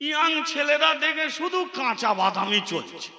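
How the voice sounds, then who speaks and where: A man with a Bengali accent preaching at a live kirtan program, asking the crowd questions in a slow, emphatic delivery. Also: very high voice, big pitch swings, gravelly, sharp tone. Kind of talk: devotional sermon with call-and-response chanting. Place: stage at a live devotional program. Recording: echoey live stage sound with music.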